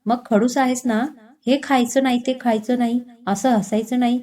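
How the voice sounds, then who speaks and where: A woman's voice: a little high, steady tone, normal speed, warm tone, close to an everyday voice. A woman doing a giggly scatterbrained young woman. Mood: teasing. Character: playful childlike young woman patient.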